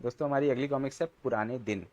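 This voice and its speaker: A man's voice: medium pitch, fast talker, darkish tone. A man narrating children's comic stories in a friendly way, speaking to viewers as friends. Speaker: narrator of a kids' comic channel.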